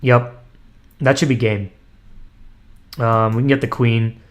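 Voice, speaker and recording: Speaking slowly and evenly in a mid-range voice, a young man streams himself playing online blitz chess. He murmurs through his moves, stumbles into ums and fresh starts, and puts himself down along the way.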